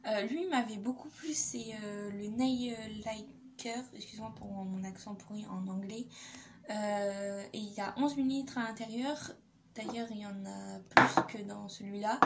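A woman's voice: medium pitch, normal speed, slight background noise. A young woman casually reviewing nail polish in a vlog, hesitant and full of fillers and repeats. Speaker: beauty vlogger.

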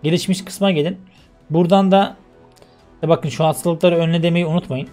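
High-voiced rambling young man gamer. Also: steady tone, a little fast, mellow, faint music behind. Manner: rambling, talks straight to viewers as friends. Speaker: gaming YouTuber. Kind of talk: casual let's-play chat.

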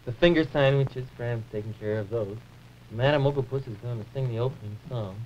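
A man's voice: mid-range voice, a little fast, darkish tone, slight background noise, close to an everyday voice. A man voicing a fussy, bossy male dragon puppet on a 1950s live TV puppet show, fretting and sighing as he orders others about. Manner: fussy, fretful, bossy, full of oohs and sighs. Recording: dull early-1950s TV audio.

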